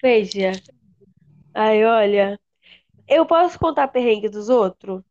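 A young woman, telling embarrassing stories in animated casual chat and acting out the quotes. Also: mid-range voice, takes it slowly, no room sound. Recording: dull lo-fi dry sound.

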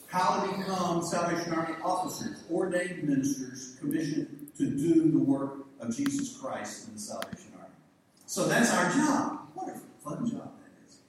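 Recorded from a distance on an echoey church hall mic with a little hiss or hum, a man from the Southern United States in his sixties gives a folksy, rambling, joke-filled sermon. He has a Southern accent and a fairly high voice.

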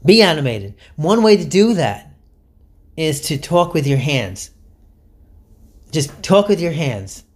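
A man hosting a solo podcast, giving candid, chatty advice in an animated, self-deprecating way. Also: on the high side, slow pace, long pauses. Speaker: podcast host.

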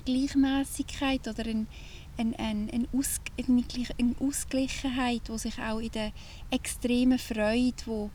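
Give me a Swiss German woman with a slightly high voice chatting vividly in a camper van. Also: steady tone, unhurried, darkish tone, slight background noise. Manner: vivid and searching, full of restarts and fillers. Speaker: podcast host. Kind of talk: casual chat. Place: inside an old camper van.

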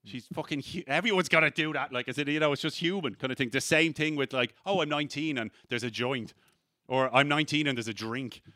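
Man, bright forceful voice, rambling casual chat, swearing, dry close mic. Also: mid-range voice, quick pace, dry recording. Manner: swearing, rambling, acts out quoted people.

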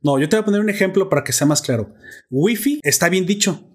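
A man's voice: high-pitched, animated, racing, husky. A man with a Mexican accent, hosting a podcast, in a heated casual debate where he insists and lectures his friends.

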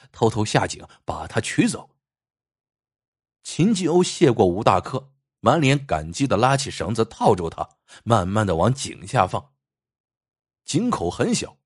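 Husky, lively male storyteller. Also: medium pitch, no echo, studio quality. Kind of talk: storytelling narration.

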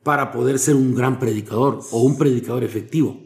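Male preacher guest, instructive and measured, dark relaxed timbre. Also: medium pitch. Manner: teaching, explains with Bible quotes and examples. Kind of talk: conversational interview about preaching.

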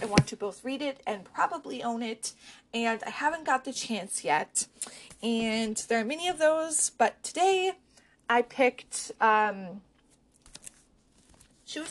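A woman vlogger chatting casually about books she has read, pausing often with ums and restarting her thoughts. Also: a little high, a little hiss or hum. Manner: hesitant, with frequent ums and restarts. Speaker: book vlogger. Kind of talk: casual book chat.

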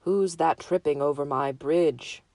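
A great ugly male troll from a storybook bellows his threats, voiced by a woman reading aloud. The roaring is slow, low and heavy. The sound is dry and close. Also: darkish tone, no room sound. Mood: menacing. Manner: roaring, menacing.

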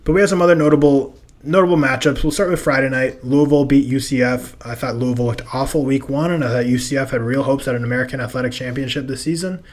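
Young male podcast host, going hoarse, talks sports in a loose, rambling way at a mid-range pitch. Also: fairly even intonation, fast talker. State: hoarse, losing his voice. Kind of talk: casual sports talk.

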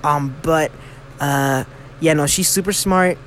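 A teenage guy with a fairly high voice, co-hosting a podcast from his bedroom. He rambles, swears freely and makes fun of himself. Faint hiss sits under his voice. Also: slow, a bit bright. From Florida, USA. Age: teens. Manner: rambling, swears a lot, self-mocking. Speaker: podcast co-host. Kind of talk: casual chat. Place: home bedroom.

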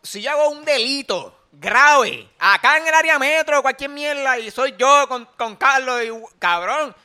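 A man's voice: very high voice, lively intonation, unhurried, sharp tone. A young Puerto Rican man in casual, heated chat, rambling and swearing as he argues his point. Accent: Puerto Rican Spanish.

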